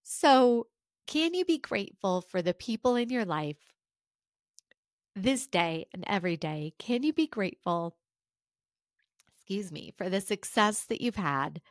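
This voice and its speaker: A woman's voice: medium pitch, animated, a little slow, long pauses, dry recording, clean studio sound. A woman hosting a solo podcast, talking earnestly and encouragingly and asking her listeners questions. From United States. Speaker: podcast host. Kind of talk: reflective solo podcast talk.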